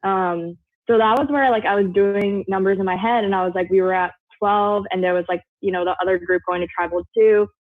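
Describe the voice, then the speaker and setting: A woman's voice: medium pitch, fairly even intonation, a little fast, no echo. A woman, a former contestant, chatting casually on a video call, rambling and saying "like" a lot. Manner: rambling, heavy use of "like". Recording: tinny phone-like audio.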